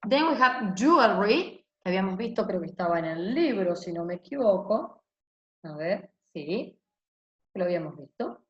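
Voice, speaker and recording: A woman's voice: mid-range voice, very animated, normal speed. Woman teaching english, says "ok?" nonstop, echoey dull laptop mic sound. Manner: explains in Spanish, tags most lines with "ok?". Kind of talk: recorded online class explanation. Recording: echoey room, dull lo-fi sound, faint hiss.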